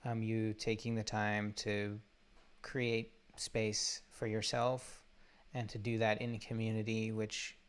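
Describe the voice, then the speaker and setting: A man leading a guided meditation from a laptop or phone while traveling, talking haltingly with many fillers and restarts. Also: on the low side, completely flat delivery, clean tone. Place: undisclosed spot while traveling. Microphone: laptop or phone mic.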